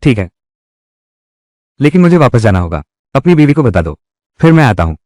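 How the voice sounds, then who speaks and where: A man voicing a calm young village man. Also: mid-range voice, moderate pace, no room sound, clean studio sound, natural voice. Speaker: dubbing actor. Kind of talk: Hindi dub of a short drama.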